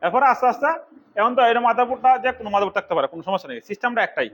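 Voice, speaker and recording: A middle-aged man from Bangladesh lectures his computer class at a rapid clip, his voice sitting fairly high. He scolds and urges the students in turn. The recording is dull and lo-fi. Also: expressive. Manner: fast, scolding and exhorting. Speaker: computer course instructor.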